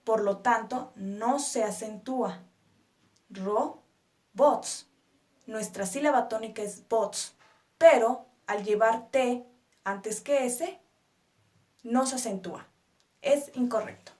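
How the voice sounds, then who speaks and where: A woman teaching a spoken lesson, patiently breaking words into syllables and reassuring viewers with quick rhetorical questions. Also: a little high, darkish tone. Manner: patient, stresses syllables one by one.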